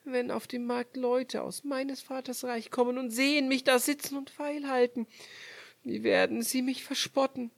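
Guy doing a scared princess in storybook reading, squeaky high falsetto, close to tears. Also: fairly even intonation, normal speed, gravelly, heavily acted. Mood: fretful. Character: proud young princess, frightened and tearful.

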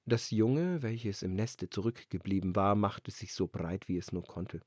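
A man reading a fairy tale aloud in a calm, expressive storytelling manner on a close mic. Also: on the low side, measured pace, no room sound. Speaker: narrator.

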